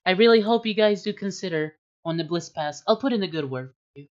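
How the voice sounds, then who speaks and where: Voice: mid-range voice, expressive, quick pace, a little mellow, close to an everyday voice. A game master voicing a busy woman leader who talks politely and hurriedly, with stumbling restarts. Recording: dull lo-fi sound.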